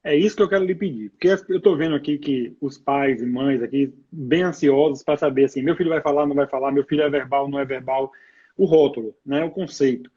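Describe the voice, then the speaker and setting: A man's voice: mid-range voice, brisk, warm tone, slightly rough. A man hosting a live interview over a video call, reading out viewer comments with some hesitant restarts. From Brazil. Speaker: live show host. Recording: dull lo-fi video call audio.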